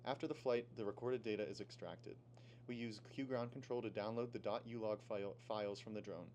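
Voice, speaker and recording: A teenage boy from Pennsylvania reading a scripted project presentation in a steady, explaining way. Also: fairly low pitch, a little fast, slight background noise. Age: teens. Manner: steady, read-aloud explaining. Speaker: student presenter.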